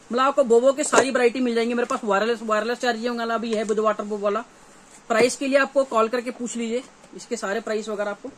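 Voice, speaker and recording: In a small, cluttered gear shop indoors, a North Indian-accented man in his thirties gives a casual, repetitive sales showcase to camera as a dealer presenting products. His voice is very high and fairly bright. The rough recording includes faint shop background noise.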